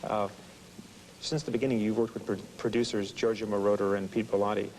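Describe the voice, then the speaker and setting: A man interviewing someone informally, halting and rephrasing his questions as he goes. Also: lowish voice, little pitch movement, a little mellow, slight background noise, poor audio.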